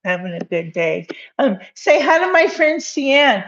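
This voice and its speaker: A woman in her fifties hosts a casual live cooking stream from her home kitchen, captured in dull, lo-fi audio by a phone camera on the counter. Her voice sits high with big pitch swings and a measured pace, and she rambles and giggles, using lots of fillers.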